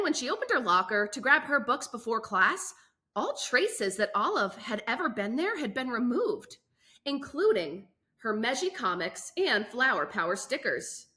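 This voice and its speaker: A woman with a slightly high voice hosts a read-aloud of a children's book. Her storytelling is expressive and well enunciated, with emphatic phrasing.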